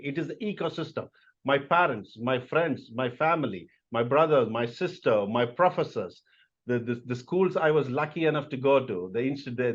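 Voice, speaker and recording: A middle-aged man speaks emphatically, driving his points home with repetition. His voice sits a little high. The recording sounds somewhat dull and lo-fi. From India. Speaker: interview guest, corporate executive. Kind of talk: interview answers.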